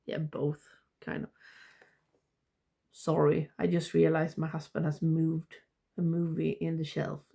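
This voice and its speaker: A woman with a blocked nose giving a casual video review, rambling and haltingly, often interrupting herself. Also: deep voice, little pitch movement, creaky, mellow, breathy edge. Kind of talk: casual ranking review to camera.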